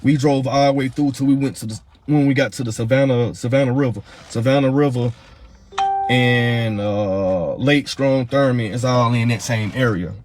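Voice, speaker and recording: A man with a mid-range, darkish voice tells how he searched for the mother of his missing daughter. It's casual storytelling, fast and heated, packed with fillers, and he repeats himself often. A little hiss or hum sits in the recording.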